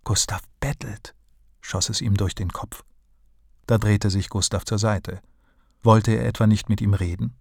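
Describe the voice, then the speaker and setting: Casting: ruhiger männlicher Erzähler für Kinderhörbuch, tiefe Stimme, trockener Raum. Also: male voice, on the low side, steady tone, moderate pace, vocal fry, a little mellow, dry recording, clean studio sound. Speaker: storybook narrator. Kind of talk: children's audiobook narration.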